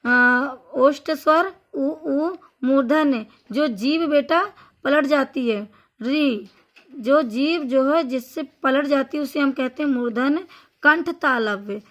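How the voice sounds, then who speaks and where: A woman's voice: high-pitched, takes it slowly, a bit bright. A woman teacher giving a Hindi grammar lesson, patiently repeating each point and addressing the listener as a child.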